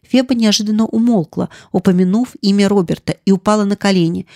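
A woman's voice: mid-range voice, dark tone, no room sound. Woman narrating an audiobook, dry close sound. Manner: measured, dramatic storytelling. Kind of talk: scripted narration.

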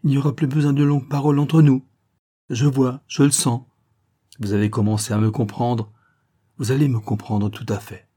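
A man's voice: mid-range voice, little pitch movement, normal speed, dark tone, husky, close to an everyday voice. A man reading a novel aloud, voicing a devoted young daughter who pleads earnestly with her father. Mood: pleading. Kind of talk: audiobook character reading.

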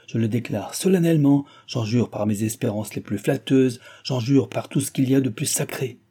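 A man reading an audiobook who voices a desperate, passionate young gentleman speaking with impassioned urgency. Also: mid-range voice, moderate pace, breathy edge. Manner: impassioned, pleading.

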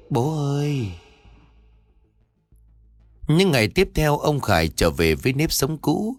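A man narrating a scripted horror story and voicing its characters himself. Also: medium pitch. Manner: lively, voices the characters' dialogue himself.

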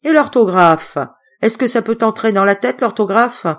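A woman reading an audiobook, voicing a grumpy, quick-tempered old uncle who scolds loudly. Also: natural voice. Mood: scolding. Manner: scolding, gruff and booming.

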